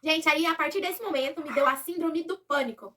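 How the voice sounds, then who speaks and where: A Brazilian woman telling a personal story to her viewers in a casual, animated way, acting out what others said. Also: sits high, a little fast, recorded from a distance.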